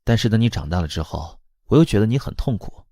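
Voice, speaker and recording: A man's voice: fairly low pitch, lively intonation, fast talker, dark tone, no echo, studio quality. A man voicing a cold, blunt older sister who talks in a cool, matter-of-fact way.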